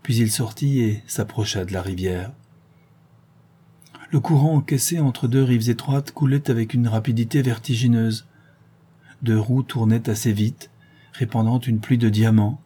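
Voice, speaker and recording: A man reading a classic novella aloud as narrator in a measured, literary way. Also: medium pitch, mellow, slightly rough.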